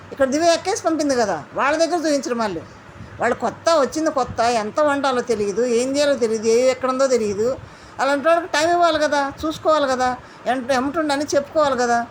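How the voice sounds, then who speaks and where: A woman recapping a reality show in an indignant, animated commentary, mimicking the housemates she quotes. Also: sits high, quick pace, slight background noise.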